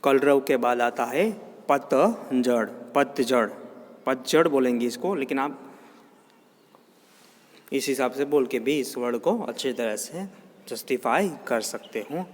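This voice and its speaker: A man teaching pronunciation who says each word slowly and deliberately, repeating every word three times in a drill. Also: mid-range voice, long reverb tail. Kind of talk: slow pronunciation drill, repeating Hindi words.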